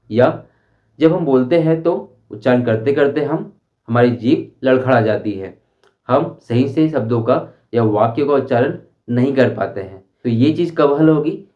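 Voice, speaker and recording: A man teaches a spoken English lesson at a medium pitch. He explains slowly and deliberately and repeats his examples. The recording sounds dull and lo-fi. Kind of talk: Hindi-language English lesson.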